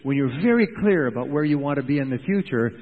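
A man giving a motivational seminar talk, speaking emphatically in short, measured phrases for an interpreter. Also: medium pitch, expressive, darkish tone, in a large hall, low-quality recording.

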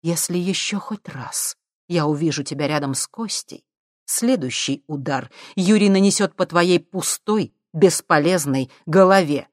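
Brief: cold, measured rich matriarch, as a woman reader plays her, low voice, dry close sound. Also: dry recording, close to an everyday voice. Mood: cold menace. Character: cold, ruthless wealthy mother, calm and menacing.

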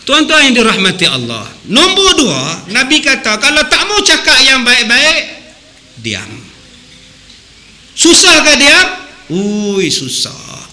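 A man preaching a humorous sermon, animated and acting out voices as he goes. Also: very high-pitched, measured pace. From Malaysia. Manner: animated, sings song snippets and acts out voices.

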